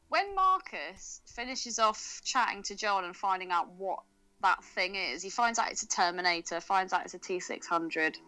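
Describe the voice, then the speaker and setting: A woman's voice: mid-range voice, lively intonation, a little slow, pushed and bright, rough recording. A woman co-hosting a podcast, chatting casually about a film, laughing often and thinking aloud with fillers. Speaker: podcast co-host. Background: faint music.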